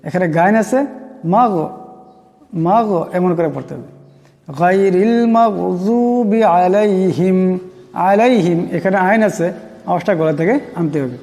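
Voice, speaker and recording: A man teaching Quran pronunciation who explains rules quickly and then chants the verses slowly and melodically. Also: sits high, a little mellow, big-room sound.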